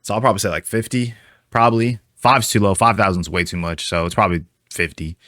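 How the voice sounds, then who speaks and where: Chatty man reacting on stream, bright voice. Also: lowish voice, fairly even intonation, fast, no room sound, studio quality. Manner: chatty, thinks aloud with many fillers. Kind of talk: casual reaction commentary.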